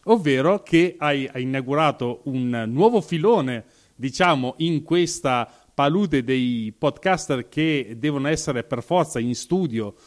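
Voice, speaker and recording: A man's voice: medium pitch, lively intonation, measured pace. A man hosting a podcast, interviewing his guest with joking asides. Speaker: podcast host.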